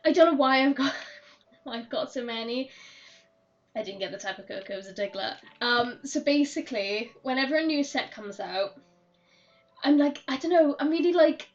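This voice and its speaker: A woman streaming a game, chatting in a rambling way with frequent laughs while her voice is hoarse and croaky. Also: sits high, moderate pace, faint music behind. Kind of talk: casual chat while gaming. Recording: dull, slightly distant mic.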